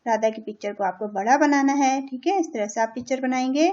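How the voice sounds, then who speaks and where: A woman's voice: high voice, fairly quick, darkish tone, a little hiss or hum. An Indian woman teaching a children's English lesson, patiently translating each line and checking in with "theek hai" as she goes. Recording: dull lo-fi recording.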